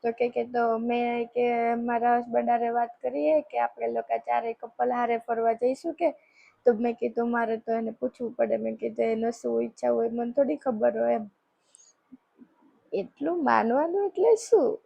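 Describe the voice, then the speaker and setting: A woman's voice: on the high side, little pitch movement, normal speed, creaky. A young woman chatting shyly and teasingly to her fiancé in a comic phone call skit. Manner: chatty, shy and teasing, retelling talks with family.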